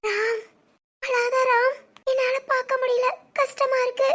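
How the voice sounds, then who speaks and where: A woman's voice: little pitch movement, unhurried, a bit bright. A woman voicing a fragile, devoted young wife in a cartoon family drama, talking in a tearful, pleading way. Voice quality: very high, girlish.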